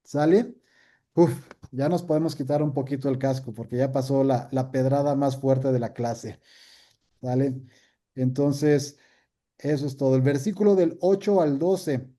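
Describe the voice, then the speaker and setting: A middle-aged pastor teaching a casual Bible class, chatty and jokey, acting out little quoted scenes. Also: male voice, medium pitch, fairly even intonation, unhurried, dark tone.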